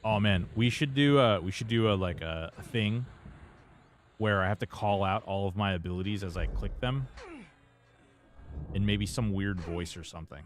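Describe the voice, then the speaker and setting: A low-voiced man streams a game and chats about his character in a loose, rambling way, full of fillers and self-corrections. A faint hiss sits under his voice. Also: normal speed. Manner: rambling, many fillers and restarts. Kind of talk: casual gameplay commentary.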